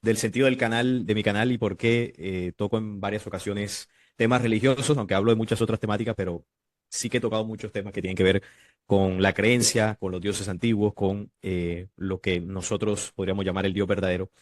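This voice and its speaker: A man from Colombia, a guest calmly explaining in an interview. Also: fairly low pitch, brisk, no echo, clean studio sound. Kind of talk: casual interview chat.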